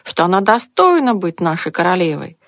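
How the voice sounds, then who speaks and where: A woman voicing an eager male hare in a storybook tale, announcing loudly to the animals and later speaking softly with pity. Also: on the low side, sing-song, brisk, dry recording. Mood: excited. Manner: loud announcing, later soft and pitying.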